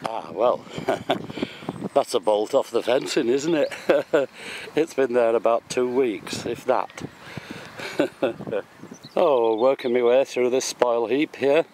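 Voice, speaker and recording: A man's voice: mid-range voice, a little mellow, rough recording. A British man chatting casually while metal detecting, often chuckling at himself, recorded outdoors on a handheld camera. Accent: British English. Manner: chuckles often, unhurried and self-mocking. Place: outdoors on a windy building-site spoil heap. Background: wind noise.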